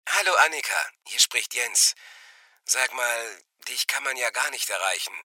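A man's voice: medium pitch, animated, unhurried, bright, forceful tone, dry recording. A man playing an office worker leaving an informal, mildly reproachful voicemail. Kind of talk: acted voicemail message.

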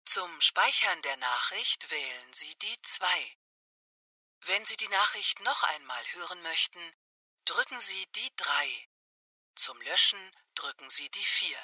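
A woman playing an automated phone menu and answering announcement, speaking in a measured, scripted way. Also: fairly low pitch, expressive, bright, forceful tone, dry recording, studio quality, distant mic, exaggerated voice. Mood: neutral, formal. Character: female automated voicemail and telephone announcement voice.

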